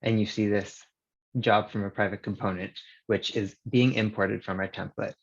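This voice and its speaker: Gravelly man on a screen-recorded call. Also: lowish voice, little pitch movement, normal speed, lo-fi sound. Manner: casual, hesitant, many fillers. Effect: screen-recorded video call audio. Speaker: engineer presenting a demo. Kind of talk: live software demo on a video call. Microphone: video call.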